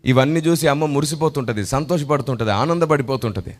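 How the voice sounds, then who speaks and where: A male pastor preaching a sermon that is full of stories, emphatic and rising to loud exclamations, and acting out the voices of people in his stories. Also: mid-range voice, fairly quick. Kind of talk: sermon with storytelling.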